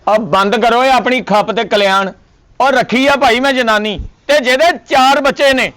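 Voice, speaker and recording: An exasperated husband, played by a man in a comedy sketch. His voice sits high as he lectures his family. He makes his points with jokes and old sayings. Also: normal speed, bright, forceful tone. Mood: annoyed. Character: husband defending himself against a suspicious wife, with comic wordplay.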